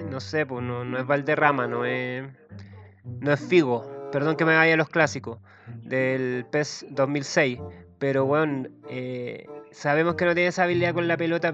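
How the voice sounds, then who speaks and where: Profane Chilean comedian rambling. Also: male voice, fairly high pitch, fairly even intonation, normal speed, a bit bright, muffled recording, faint music behind. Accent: Chilean Spanish. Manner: rambling, profane, self-mocking. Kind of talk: comic monologue.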